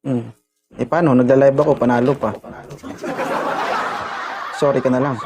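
A man's voice: mid-range voice, steady tone, normal speed. A man streaming live, teasing and roasting his co-host in dry casual banter. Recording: noisy live-stream audio.

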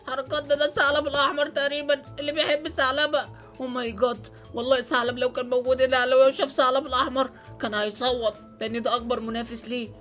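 A young man with an Egyptian Arabic accent hosting an excited let's-play commentary, dropping English exclamations as he plays. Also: extremely high pitch, very fast. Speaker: gaming channel host. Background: faint background music.

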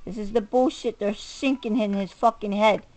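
In this self-recorded vlog, a middle-aged woman delivers a profane, combative personal rant, stressing words emphatically and shifting from muttering to shouting. She speaks at a moderate pace with medium pitch, fairly even intonation and a darkish tone.

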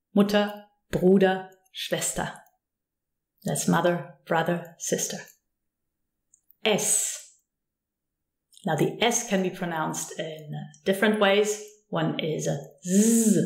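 A German woman with a German accent teaching pronunciation patiently and clearly, modelling each word slowly. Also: fairly low pitch, reverberant. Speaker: language teacher. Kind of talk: pronunciation lesson.

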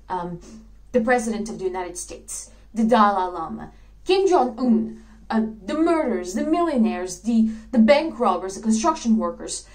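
A woman playing a dreamy, idealistic young actress in a theatrical monologue, telling her story earnestly with soft laughs. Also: mid-range voice, rough recording.

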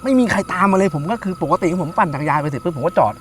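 A man's voice: sits high, expressive, rapid-fire, a bit bright, slight background noise. A man recounting his own ghost experience in casual speech, often repeating words and phrases for emphasis. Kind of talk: casual spoken ghost storytelling. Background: music under the talk.

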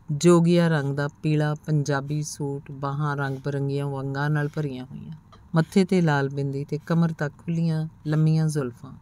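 A woman narrating a first-person audiobook story in a measured, expressive reading. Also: low voice.

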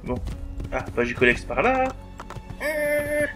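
Male gamer commentating, high, animated pitch, crude and jokey. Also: slow, faint music behind. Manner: swearing, joking, talking to the game. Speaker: let's play commentator. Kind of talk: gameplay commentary.

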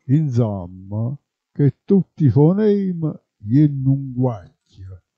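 A man with a Barese accent teaching dialect words, slowly saying each dialect form and then its standard equivalent. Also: a little high, breathy edge, no echo, dull audio. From southern Italy. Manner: reads word pairs in dialect then Italian, slow and deliberate. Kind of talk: slow word-by-word dialect lesson.

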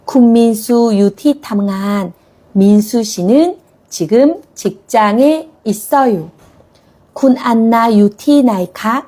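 A woman's voice: fairly high pitch, a little mellow. A woman teaching a Korean language lesson, speaking patiently and encouragingly as she models example sentences.

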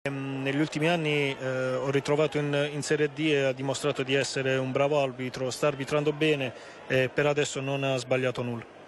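A man analyses a live football match in a flat, even voice. He explains things haltingly as a co-commentator, with clear stadium noise behind him. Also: medium pitch. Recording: live broadcast over loud stadium noise.

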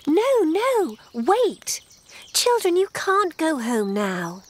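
A woman doing a slow, clear storybook voice. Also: very high-pitched, huge pitch swings, full character voice. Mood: cheery.

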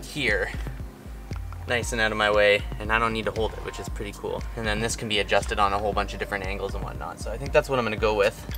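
A man in his thirties casually explaining a how-to job in a backyard, chatty and rambling, with lots of fillers. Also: fairly low pitch. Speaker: outdoor channel host. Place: backyard lawn, outdoors.

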